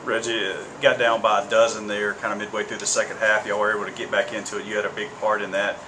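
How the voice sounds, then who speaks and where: A male sports reporter asking quick, conversational questions at a press conference. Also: on the low side. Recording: steady air-conditioning hum.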